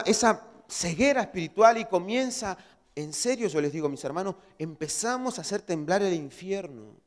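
A male pastor preaching a sermon, swinging from loud exhortation to hushed asides. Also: sits high, big-room sound. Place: church hall.

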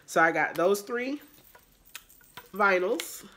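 A woman's voice: mid-range voice, lively intonation, takes it slowly, a bit bright, a little hiss or hum. Nasal, congested woman vlogging. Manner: rambling, filler-heavy talk. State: congested with allergies. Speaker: haul vlogger. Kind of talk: casual chatty vlog.

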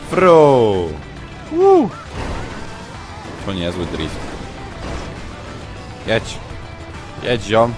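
A man commenting live on his own gameplay, muttering to himself and breaking into shouts and yelps when things go wrong. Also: deep voice. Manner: excitable, shouts and yelps when under fire. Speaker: gaming streamer.

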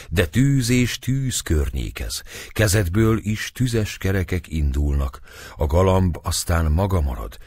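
An eerie old fortune-teller woman, as a male narrator puts her on chants her prophecies in a husky, lifted voice. The reading is dry and close, straight from an audiobook. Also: sits low, a little mellow, no echo, pitched above the performer's own voice.

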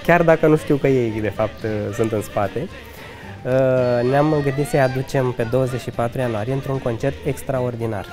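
Music plays in the background as a medium-pitched man in his thirties from Romania, a restaurant manager, chats through an interview in the restaurant's fireplace lounge. He answers with earnest enthusiasm, eager asides, occasional laughs and restarts, into a handheld mic held by the interviewer.

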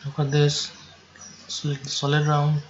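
A man giving slow, step-by-step software instructions over a screen recording, now and then correcting himself. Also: a little high, monotone, highs cut off, slight background noise.

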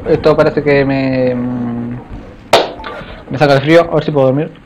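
A young adult man doing excitable let's play commentary, talking to viewers with frequent exclamations. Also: medium pitch, moderate pace. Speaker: gaming youtuber. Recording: slightly dull home mic with faint noise.

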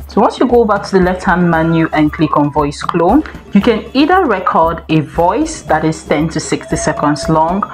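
A woman hosting a software tutorial, explaining each step in a steady, instructive way. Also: lowish voice. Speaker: tech tutorial host. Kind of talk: screen-recorded software tutorial.

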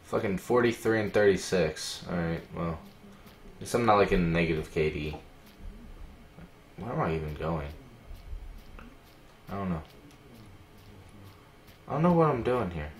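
A young man swearing often while giving casual gameplay commentary, with sudden loud outbursts. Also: low-pitched, expressive, unhurried, pauses often, a little hiss or hum. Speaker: let's play gamer. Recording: echoey room.

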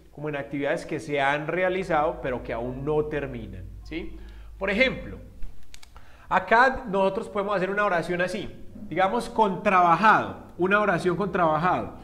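Guy teaching english, high-ish voice, chatty, keeps asking "right?". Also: a bit bright. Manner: chatty, asks rhetorical questions. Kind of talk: casual classroom lesson.

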